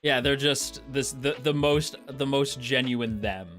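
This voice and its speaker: A man's voice: mid-range voice, a little slow, a bit bright, faint music behind. A man co-hosting a casual chat, enthusiastic and rambling, laughing often. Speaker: co-host.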